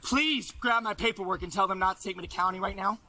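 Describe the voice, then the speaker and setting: A man being arrested, yelling and cursing at police in a heated argument. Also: high-pitched, fast talker. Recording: bodycam clip with loud noise.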